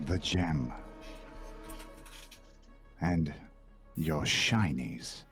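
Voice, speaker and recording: A man voicing a strange masked male dealer who craves a gem, speaking slowly and threateningly with a gravelly voice. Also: rumbling low, fairly bright tone, faint music behind, pitched below the performer's own voice, heavily acted. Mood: menacing. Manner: slow, drawn-out, threatening.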